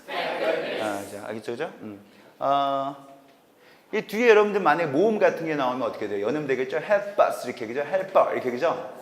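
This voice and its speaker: A man teaching English pronunciation to a live class, drilling phrases for students to repeat and laughing often. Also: medium pitch. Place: lecture room with an audience. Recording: echoey room recording, audience noise.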